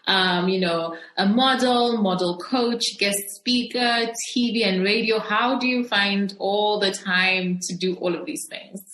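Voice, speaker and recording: A woman's voice: mid-range voice, fairly even intonation, unhurried, hardly any pauses, a bit bright, a little hiss or hum. A woman hosting a podcast, giving a cheerful, welcoming introduction and then asking a guest questions. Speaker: podcast host. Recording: echoey room.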